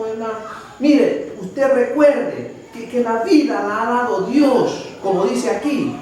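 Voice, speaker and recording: A man's voice: very high voice, a little hiss or hum. A man with a Salvadoran Spanish accent teaching a Bible study, often calling listeners brother and asking rhetorical questions. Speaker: preacher. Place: church hall. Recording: echoey room from far off with faint ambience.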